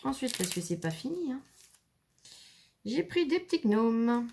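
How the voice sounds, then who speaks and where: A woman's voice: on the high side, very animated, unhurried, darkish tone, slight background noise. A woman chatting casually through a scrapbooking stamp haul, showing items one by one with frequent fillers. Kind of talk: casual haul video commentary.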